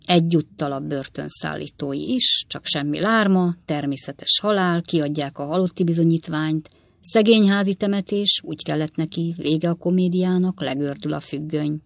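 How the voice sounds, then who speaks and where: A woman's voice: deep voice, gravelly, dry recording. A woman voicing a down-and-out male swindler who talks in short, clipped, jerky phrases. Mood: grim.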